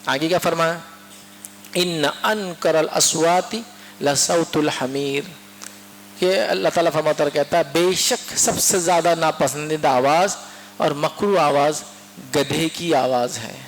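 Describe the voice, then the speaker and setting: Lively man preaching. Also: on the high side. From India. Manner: lively, asks the audience questions and mimics dialogues. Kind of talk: sermon. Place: mosque hall. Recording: mosque hall with long echo and faint hum.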